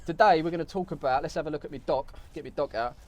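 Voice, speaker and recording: Fast-talking Birmingham man, casual chat. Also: on the high side. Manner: fast, chatty, jokey banter. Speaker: co-host. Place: studio set.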